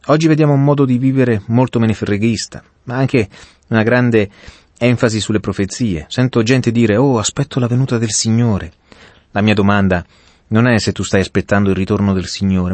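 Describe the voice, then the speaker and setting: Low-voiced earnest male preacher, dry sound. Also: a little mellow, no echo. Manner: earnest, addresses listener directly. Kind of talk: radio Bible sermon.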